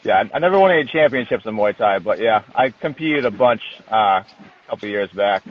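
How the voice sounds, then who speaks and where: A man's voice: lowish voice, lively intonation, a little fast, a little hiss or hum. A man chatting casually as an interview guest, candid and colloquial with some swearing. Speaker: interview guest, dog trainer. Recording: thin phone-like line.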